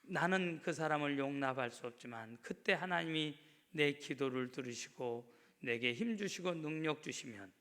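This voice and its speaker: A male pastor preaching a sermon, driving home points with emphatic repetition and acting out prayers in a softer voice. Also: on the high side, normal speed. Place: church sanctuary. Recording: church hall reverb.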